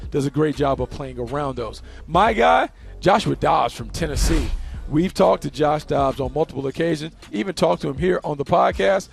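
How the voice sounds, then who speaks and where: A man co-hosting a football podcast, reading an ad and breaking down draft prospects. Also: a little high. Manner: smooth upbeat ad read, then analytical. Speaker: podcast co-host. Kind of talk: football podcast talk and ad read.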